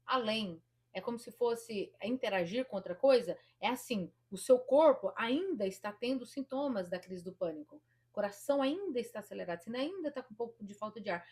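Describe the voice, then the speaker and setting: A woman's voice: a little high, a little mellow, husky. A woman therapist with a Brazilian Portuguese accent giving emphatic, demonstrative advice straight to the viewer. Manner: emphatic, demonstrative, quotes her own inner voice. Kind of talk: direct-to-camera advice talk.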